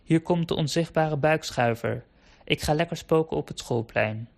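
A man's voice: fairly high pitch, normal speed, vocal fry, a little mellow. A man voicing a playful, teasing little short-legged dog in a storybook.

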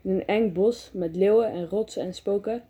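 A woman's voice: mid-range voice, moderate pace, mellow, husky, natural voice. A woman voicing a frightened young male animal who is lost at night, in an anxious, bewildered inner voice from a storybook reading.

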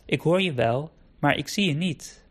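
A man's voice: on the high side, unhurried. Rintje, a man doing an eager puppy boy. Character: excited little puppy boy, curious.

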